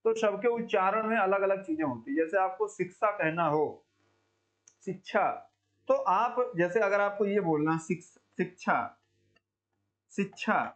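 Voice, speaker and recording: A man teaching an exam coaching lesson, quizzing students and slowly repeating words to drill pronunciation, chatty and calling listeners brother. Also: high-pitched. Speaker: Hindi teacher.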